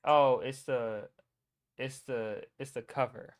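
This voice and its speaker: A man's voice: medium pitch, fairly even intonation, slow, faint music behind. A young man casually reacting to his own old videos, teasing and talking to himself. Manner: wry, teasing, talks to himself.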